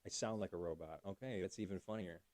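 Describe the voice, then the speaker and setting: A man's voice: deep voice, fast, darkish tone, dry recording. A man hosting a casual livestream, chatty, thanking viewers by name and talking through fixing his audio. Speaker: livestream host.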